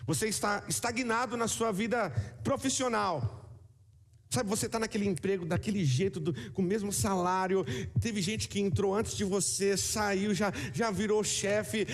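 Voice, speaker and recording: A man's voice: sits high, big-room sound. A man with a Brazilian accent, preaching a sermon in a conversational way, with repetitions and asides to the congregation. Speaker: pastor.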